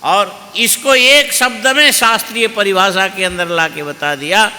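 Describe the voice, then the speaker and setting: A man giving a Hindi religious discourse, teaching in a slow cadence, asking listeners questions and chanting Sanskrit verses. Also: high voice, bright, forceful tone, big-room sound. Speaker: Bhagavata katha preacher.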